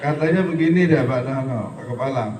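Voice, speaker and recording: A man's voice: mid-range voice, brisk, a crowd in the background. A middle-aged man giving a humorous religious lecture at a school event, joking, mimicking regional dialects and urging students to keep growing. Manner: jokey, mimics regional dialects in quoted bits; preachy, motivational to students. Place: school hall. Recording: echoey hall, voice from far off.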